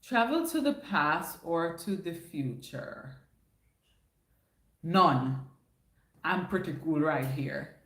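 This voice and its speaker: A woman with a Jamaican accent hosts a casual livestream, working through viewers' questions and drifting into patois phrasing. Her voice is low-pitched, expressive and fairly bright, with a slow pace and long pauses. The room gives it a roomy echo.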